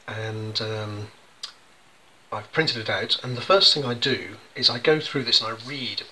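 A man's voice: lowish voice, measured pace, pushed and bright, rough recording. An English man, a children's poet, chatting through how he illustrates his poems, with many ums and restarts. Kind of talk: casual explanatory demonstration.

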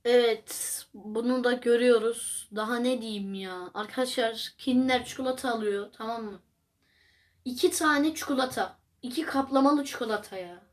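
Young woman, high voice, rambling reaction-video host, exclaims often. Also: moderate pace. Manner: chatty, rambling, exclamatory, addresses viewers as friends. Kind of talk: casual reaction commentary.

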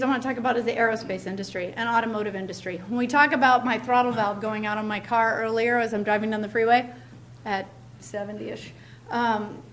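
Middle-aged woman, keynote speaker, emphatic podium lecture, slightly high voice, faint hum behind. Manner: emphatic, repeats key words, many ums. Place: large law school lecture hall. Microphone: podium mic, filmed from far back.

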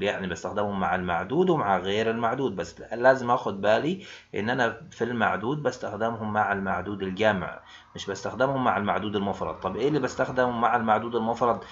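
A man's voice: lowish voice, fairly bright tone. A man with an Egyptian Arabic accent teaching an online English grammar lesson. He keeps asking questions and answering them himself. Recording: dull lo-fi sound.

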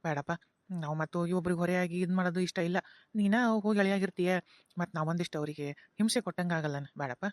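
A woman's voice: on the low side, steady tone, fast, dry recording, studio quality, close to an everyday voice. A woman voicing an earnest, guilt-ridden young son with a North Karnataka accent, pleading with his parents in a cartoon. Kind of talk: cartoon voice acting.

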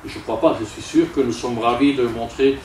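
A man giving a formal ceremony speech at a stand mic in an event tent, pausing often with many hesitations. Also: medium pitch, fairly even intonation, a little mellow, a little hiss or hum. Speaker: awards ceremony speaker. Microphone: stand mic, filmed from afar. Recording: echoey, distant camera audio.

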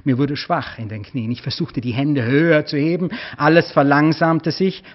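A man, an author, reading his own prose aloud in a measured, expressive way during a lecture, on a dull, lo-fi recording. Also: fairly high pitch.

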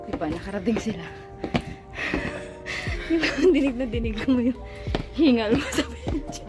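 A woman's voice: a little high, sing-song, moderate pace, music in the background. Playful woman chatting on a walk. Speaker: vlogger's companion. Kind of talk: casual chat.

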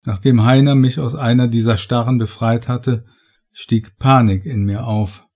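A man reading a horror story aloud in measured, dramatic, scripted narration. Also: medium pitch, fairly even intonation, a little mellow. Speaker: audiobook narrator.

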